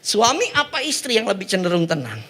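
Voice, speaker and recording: A man preaching a sermon in a lively, joking way, calling on the congregation to repeat words after him. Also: high voice, brisk. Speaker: pastor.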